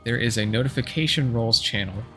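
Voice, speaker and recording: A man with a medium-pitched, fairly bright voice makes casual announcements to viewers as a live streamer, speaking quickly. He rambles a bit and restarts sentences to correct himself, with soft music in the background.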